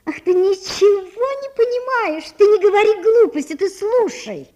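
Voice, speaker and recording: A woman voicing a passionate, lovestruck young woman who pleads and shouts in an audiobook. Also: high-pitched, sing-song, normal speed, pitched above the performer's own voice. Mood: exasperated. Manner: emotional, pleading, breaks into shouting. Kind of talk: audiobook character reading.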